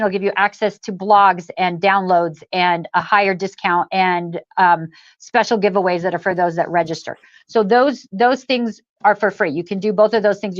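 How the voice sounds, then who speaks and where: A woman's voice: mid-range voice, no echo. A woman co-hosting a live stream in a chatty, upbeat way over a remote call, her audio muffled so she sounds like she's in a fishbowl. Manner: chatty, upbeat, repeats herself. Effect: muffled, fishbowl-sounding connection audio. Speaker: co-host of a sewing livestream. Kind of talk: casual live-stream chat. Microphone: remote video call.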